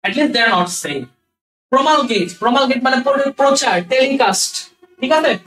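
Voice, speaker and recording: A man's voice: very high-pitched, expressive, slow pace. Man, vocabulary teacher, repeats himself, checks understanding, roomy echo, sits back from the mic. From Bangladesh. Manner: repeats words, keeps checking understanding, mixes in English. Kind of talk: vocabulary class lecture. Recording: echoey room, voice from a distance.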